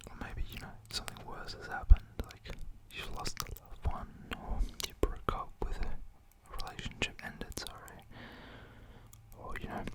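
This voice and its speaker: A man who makes ASMR content rambles through a casual chat in a soft, breathy whisper held close to the mic. He keeps a gentle, informal and reassuring manner throughout.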